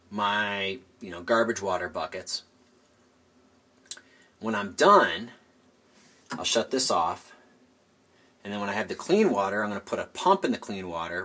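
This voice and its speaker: A man's voice: lowish voice, fairly bright tone. A man casually walking viewers through his home project, rambling and correcting himself as he goes, filmed on a handheld camera indoors at home. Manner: rambling, self-correcting, addresses viewers as guys. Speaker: hobbyist host. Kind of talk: casual walkthrough.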